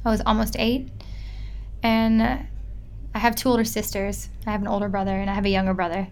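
A woman's voice: mid-range voice, level tone, fairly quick, a little mellow, clear, resonant tone. A young woman, chatting casually as an interview guest and filling her talk with "like". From Midwest United States. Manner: chatty, lots of filler "like".

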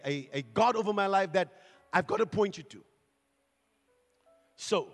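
High-voiced man preaching in a hall. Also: fairly bright tone. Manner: preaching with rising fervor and slow emphatic points. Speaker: pastor. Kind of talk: sermon. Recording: long hall reverb with faint music.

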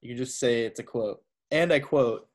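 A man's voice: mid-range voice, normal speed. A man co-hosting a casual podcast chat, opinionated and joking as he explains his pet peeves. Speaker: podcast co-host.

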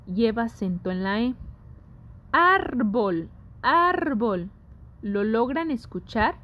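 A woman teaching a scripted lesson, speaking deliberately and putting questions to her audience. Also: mid-range voice, dull audio.

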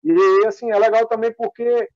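A man with a high voice tells stories in a lively, rambling way, full of fillers. The sound is dry and dull, like audio from a muffled remote call. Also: normal speed, no echo. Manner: animated, rambling with many fillers. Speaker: guest athlete. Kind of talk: casual interview storytelling.

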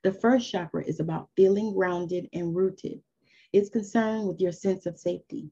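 A woman's voice: on the low side, normal speed, warm tone, breathy edge, highs cut off. A woman in her fifties giving an earnest, encouraging spoken lesson on spiritual growth in a loose, conversational way. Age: 50s. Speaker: spiritual teacher.

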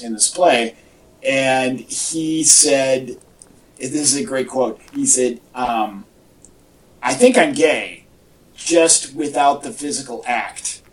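At a slow pace and middling pitch, a male podcast host rambles casually with a wry, jokey streak. The mic is distant, so he sounds set back as in a homemade recording, and parts are echoey.

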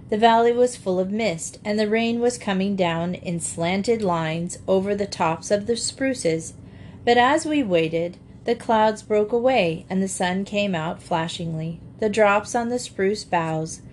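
Woman narrator, mid pitch, steady expressive storybook reading. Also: a little hiss or hum. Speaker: audiobook narrator.

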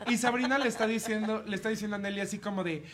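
A man with a Mexican Spanish accent co-hosts a casual comedic chat, his voice bright and sharp. He laughs through crude stories and acts out the sounds he describes. A faint hiss sits under the recording. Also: high voice, steady tone, rapid-fire. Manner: crude, laughing storyteller who acts out moans. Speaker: podcast co-host.

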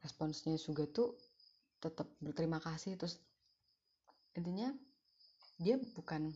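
Low, mellow-voiced woman explaining lyrics. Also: slightly rough. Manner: reads lyrics slowly, then explains with many fillers. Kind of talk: casual lyric breakdown. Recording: dull lo-fi recording.

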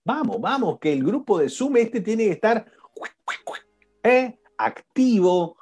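Lively Argentine man teaching online. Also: sits high, takes it slowly, breathy edge. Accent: Argentine Spanish. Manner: lively, questioning the class, frequent "¿no?" and "¿sí?". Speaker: coaching instructor. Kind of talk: live online class. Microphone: video call.

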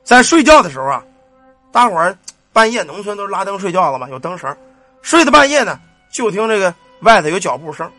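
Lively, earthy male ghost-story teller. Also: high-pitched, a little fast, dry recording, soft background music. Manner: colloquial, earthy, cursing, animated sound effects. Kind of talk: spoken ghost-story narration.

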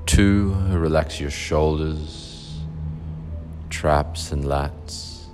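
Very deep, slow-speaking man guiding relaxation. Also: over music. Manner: slow, calm, soothing instructions with long pauses. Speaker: meditation guide. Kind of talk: guided relaxation meditation.

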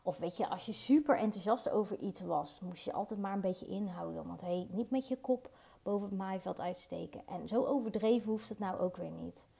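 A woman hosts her own podcast, reflecting alone and speaking earnestly and personally about emotions, with fillers and repeated words. Recorded on a podcast mic, her mid-range voice is gravelly and mellow with a breathy edge, at a moderate pace.

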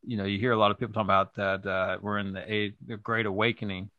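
Bright, laid-back male podcast host. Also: on the low side, flat delivery, fast talker, no room sound, dull audio. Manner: laid-back, agreeable, laughs often. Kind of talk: casual podcast chat.

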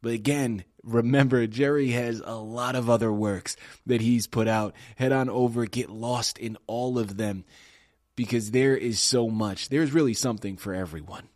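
A man's voice: medium pitch, steady tone, normal speed, a little mellow, no room sound, clean studio sound. A man hosting a podcast, talking emphatically and urging listeners directly. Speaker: podcast host. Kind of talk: enthusiastic interview host.

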